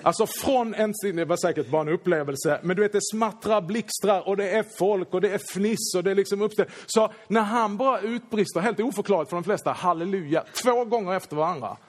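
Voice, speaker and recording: A man, a Swedish pastor, telling a lively anecdote in a sermon and acting out the quoted lines. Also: high-pitched, few pauses. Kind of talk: sermon storytelling.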